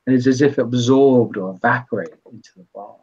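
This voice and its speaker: A man narrating as game master in a tabletop game, describing scenes in an unhurried way with some hesitations. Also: mid-range voice, darkish tone, husky. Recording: dull lo-fi recording.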